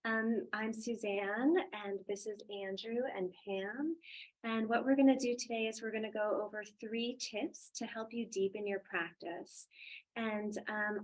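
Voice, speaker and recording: A woman's voice: fairly high pitch, low-quality recording. A woman from Germany presenting informally and upbeat as a yoga teacher and webinar host. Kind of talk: casual presenting and personal storytelling.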